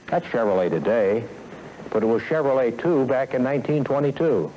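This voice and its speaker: On a 1970s film soundtrack, an American company executive gives a scripted sales training lecture, measured and formal, with emphatic phrasing and deliberate pauses. His voice is fairly low; the audio has its highs cut off and slight background noise.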